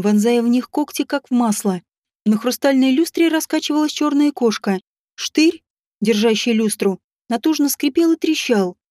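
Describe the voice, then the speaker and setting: A woman narrating a fantasy audiobook in an expressive storytelling manner. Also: a little high, dry recording, studio quality. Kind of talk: scripted narration.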